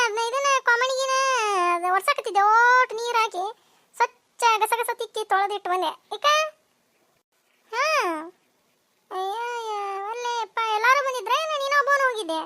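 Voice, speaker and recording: A voice actor playing bickering, nosy village women in a cartoon, with a North Karnataka Kannada accent and a sped-up, high-pitched voice. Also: pushed and bright. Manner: shrill, scolding, quick back-and-forth banter. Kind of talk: cartoon voice acting.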